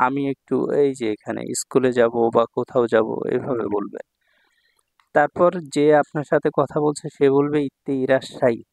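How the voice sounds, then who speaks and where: A man teaching Japanese vocabulary in Bengali, explaining slowly and repeating phrases for practice. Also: mid-range voice, creaky, a little mellow, no room sound.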